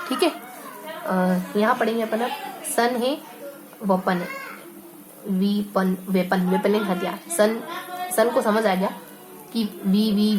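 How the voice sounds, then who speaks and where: A woman teaching an exam-prep lesson, slowly repeating and stretching words as she explains memory tricks. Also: medium pitch, noisy background.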